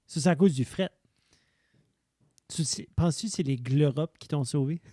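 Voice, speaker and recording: A man's voice: a little high, normal speed, mellow, no echo, clean studio sound. A man with a Quebec French accent, co-hosting a casual podcast, joking and speaking straight to the listeners. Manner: joking, addresses listeners directly. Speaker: podcast co-host. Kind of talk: casual chat.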